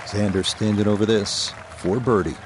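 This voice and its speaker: A man playing a TV golf commentator, giving measured, descriptive play-by-play calls of each shot in a video game broadcast. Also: fairly low pitch, steady tone, background noise, close to an everyday voice. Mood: composed, approving. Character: male TV golf play-by-play announcer.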